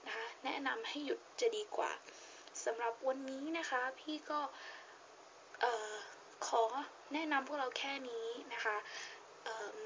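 A high-voiced young woman with a Thai accent gives a casual reading lesson, speaking slowly and patiently. She repeats key points and leans hard on stressed words when reading. The recording is a bit dull, with a faint hiss underneath. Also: fairly bright tone. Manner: patient, repeats points with frequent polite particles; reads English passage slowly with stressed words. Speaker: English teacher.

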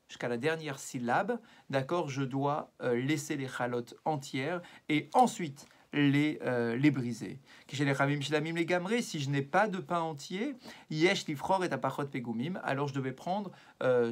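A man giving an evening religious lesson as a rabbi, explaining patiently and mixing Hebrew passages into his talk with frequent hesitations. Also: fairly high pitch. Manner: explanatory, weaves Hebrew passages into French, frequent "euh" and "d'accord".

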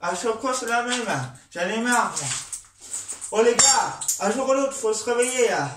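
A man's voice: very high-pitched, expressive, normal speed, fairly bright tone, recorded from a distance, a little hiss or hum. A man ranting with angry, repetitive venting and swearing in a fed-up football rant. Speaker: vlogger. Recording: echoey room, voice from afar.

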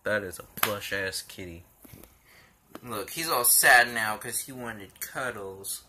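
A vlogger talks casually while playing with a puppy, swearing freely and calling out lively, playfully exaggerated exclamations. The voice is mid-range and slow-paced, with a noisy background.

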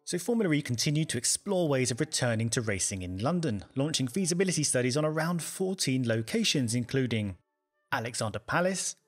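A man reading a scripted documentary voice-over in a brisk, wry, emphatic way, with faint music behind. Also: mid-range voice, very animated. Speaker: narrator.

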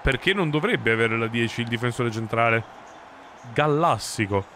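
An emphatic man streams a football video game and calls the play live. His voice sits at a medium pitch and he breaks into exclamations and swearing. Stadium ambience from the game is clearly heard behind him. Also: lively intonation, normal speed, a bit bright. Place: indoor streaming room. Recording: clear background game noise.

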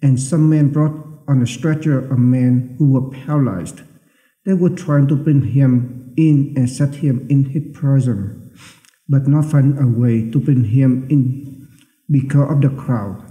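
Male priest proclaiming a Gospel reading, measured and careful, very dark tone, echoey cathedral with long reverb. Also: mid-range voice. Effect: cathedral-like echo with long church reverb. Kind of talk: liturgical Gospel reading at Mass. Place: large church interior.

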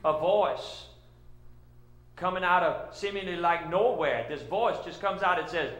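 Bright-voiced Cajun man telling funny stories. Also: high voice, unhurried. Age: middle-aged. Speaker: comedian. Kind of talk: stand-up comic storytelling. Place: indoor church-like hall, on stage before seated audience. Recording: roomy echo of a live stage.

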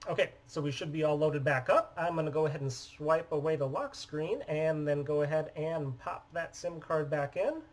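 Male demo host, 30s, slightly raised pitch, steady explainer tone, small office room. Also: normal speed, hardly any pauses, poor audio. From United States. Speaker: phone repair business owner. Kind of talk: scripted product demonstration.

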